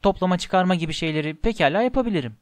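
Timid bewildered young boy, hesitant and apologetic, slightly high voice, as a male reader puts him on. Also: animated, racing, no room sound, clean studio sound. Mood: unsure, puzzled.

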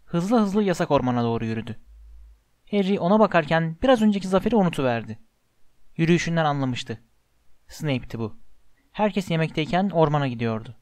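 A man narrating an audiobook in an expressive, measured storytelling manner. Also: fairly high pitch, dry recording.

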